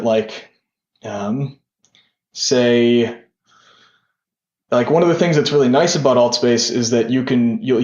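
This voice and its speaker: A young man being interviewed on a podcast, talking in a loose rambling way full of "sort of" and "like". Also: medium pitch. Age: young adult. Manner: rambling, lots of "sort of" and "like" fillers. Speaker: podcast guest, tech founder. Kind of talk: casual interview talk. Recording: roomy, dull lo-fi sound.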